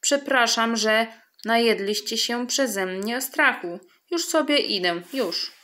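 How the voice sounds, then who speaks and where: Give me a big, gentle storybook elephant, voiced by a woman, slow and calm, speaking softly and low. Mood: apologetic.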